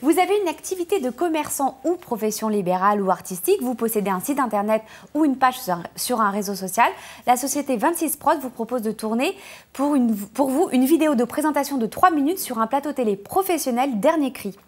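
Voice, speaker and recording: A woman's voice: high-pitched, lively intonation, fairly quick. A woman presenting a segment of local business adverts on a talk show. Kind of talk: reading ad announcements.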